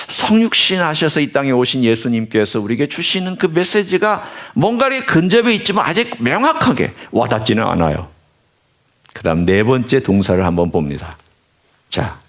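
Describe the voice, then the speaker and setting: A man preaching a sermon as a pastor, dropping to low asides and rising to impassioned, high peaks. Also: a bit bright.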